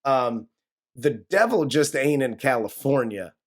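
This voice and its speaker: A man's voice: medium pitch, lively intonation, unhurried. A man co-hosting a casual movie review podcast, ranting and swearing in a rambling way. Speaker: podcast co-host.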